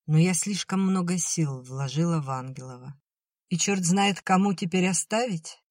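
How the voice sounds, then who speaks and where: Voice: medium pitch, normal speed, dry recording, studio quality, lightly acted. Narrator voicing a firm, decisive young woman. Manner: firm, curt. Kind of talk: audiobook reading.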